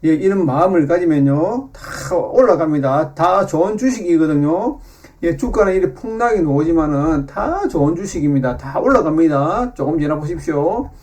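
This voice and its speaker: A middle-aged man giving a slow, repetitive lesson on stock charts, often filling pauses with short affirmations. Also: on the high side, animated, darkish tone. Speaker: stock market commentator.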